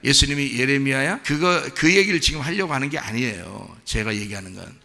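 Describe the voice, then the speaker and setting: Lively, gravelly pastor preaching. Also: male voice, medium pitch, fairly quick, big-room sound. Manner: conversational, quizzes the congregation with repeated questions; acts out quoted voices to make a point. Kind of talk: sermon. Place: church sanctuary.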